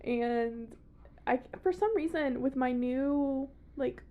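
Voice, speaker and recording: A woman's voice: high-pitched, slow, phone-quality sound. A young woman hosting a podcast in casual chat, giggly and chatty, swearing freely. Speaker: podcast host. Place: small podcast room.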